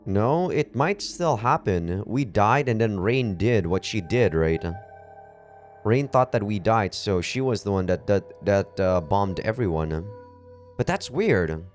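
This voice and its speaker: Man, low voice, game streamer, reads visual novel narration aloud, casual asides and swearing, faint music behind. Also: lively intonation, measured pace. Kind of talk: reading a visual novel aloud with live commentary.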